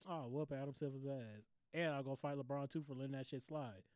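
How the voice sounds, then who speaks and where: A man co-hosting a sports podcast, excitable and profane, often laughing. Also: medium pitch, brisk, no room sound. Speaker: podcast co-host. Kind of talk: casual sports chat.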